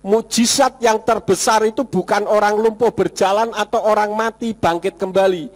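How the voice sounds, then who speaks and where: A male pastor, preaching a sermon full of his own story, swinging between high excited lines and low quiet asides. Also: moderate pace. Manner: animated storytelling, jumps high and drops low. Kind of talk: sermon with personal testimony. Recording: long reverb of a hall.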